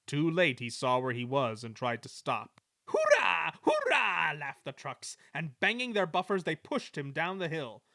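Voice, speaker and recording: A man giving an expressive reading of a children's story. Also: on the high side, normal speed, few pauses, dry recording, clean studio sound. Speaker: storybook reader. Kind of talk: scripted narration of a children's story.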